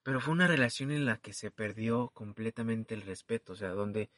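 A man's voice: on the low side, fairly quick, a bit bright, no room sound, clean studio sound. A young man from Mexico City with a Mexico City accent, co-hosting a podcast in casual chat and acting out quoted dialogue with slang. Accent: Mexico City Spanish. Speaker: podcast co-host.

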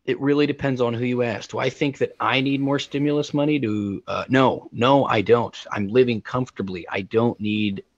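A man's voice: mid-range voice, steady tone, normal speed, hardly any pauses, no echo. Male co-host, heated ranting delivery, dull lo-fi dry recording. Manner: heated, ranting, repeats words for emphasis. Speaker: podcast co-host. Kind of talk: heated opinion talk.

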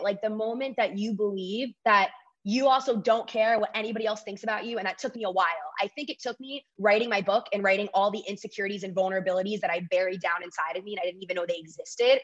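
A woman's voice: medium pitch, fast talker. Chatty woman guest, slightly muffled. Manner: animated storytelling, heavy use of "like". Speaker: podcast guest, author. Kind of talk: casual podcast chat. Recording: slightly dull, lo-fi sound.

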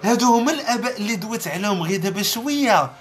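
A man's voice: sits high, animated, very fast. A man with a Moroccan Arabic accent hosting a podcast, ranting in a sarcastic, mocking comedic way. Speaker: podcast host. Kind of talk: comedic rant commentary.

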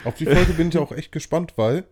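A man's voice: fairly high pitch, a little fast, a little mellow, breathy edge. A man from Berlin co-hosting a podcast, chatting casually and agreeing often. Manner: agreeable, short affirmations, laughs often. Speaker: podcast co-host. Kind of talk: casual chat.

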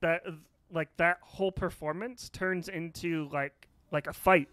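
A man co-hosting a casual film podcast who rambles excitedly and leans heavily on the filler "like". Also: on the high side, measured pace, clean tone, no room sound. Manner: rambling, heavy use of filler "like"; excitable, emotional about films. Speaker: podcast co-host.

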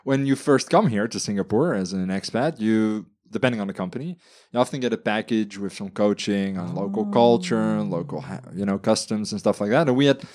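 A man's voice: lowish voice, brisk, a little mellow. Dutch-raised man chatting with laughter. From Netherlands. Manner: frequent restarts and laughter. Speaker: podcast co-host. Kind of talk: casual conversation.

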